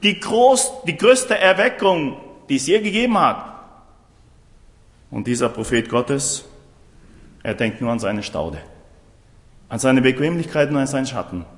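A man's voice: medium pitch, sing-song, measured pace, pauses often. A man preaching a sermon emphatically, often putting rhetorical questions to his listeners. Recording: roomy hall with long reverb.

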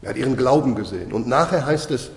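Emphatic preacher in an echoing hall. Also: male voice, mid-range voice, lively intonation, vocal fry. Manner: emphatic, slowing for stress, asks the listeners rhetorical questions. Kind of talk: sermon. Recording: echoey hall with long reverb.

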